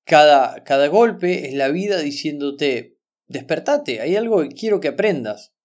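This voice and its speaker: A man playing a calm wise rich mentor. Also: fairly high pitch, measured pace, dull audio. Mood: lecturing. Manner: calm, lecturing. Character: calm wise wealthy businessman, stern teacher.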